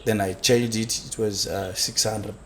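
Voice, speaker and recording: A man from South Africa, a construction business founder, telling his life story as an interview guest, haltingly, with many fillers and repeated words. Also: on the low side, steady tone, a bit bright, a little hiss or hum.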